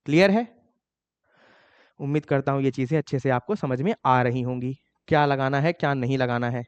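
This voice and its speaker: A man with an Indian accent teaching an exam-prep grammar lesson. He reads English examples slowly and scolds students for their mistakes. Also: clean tone, in a large hall. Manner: scolding, mocks students' excuses in a higher voice.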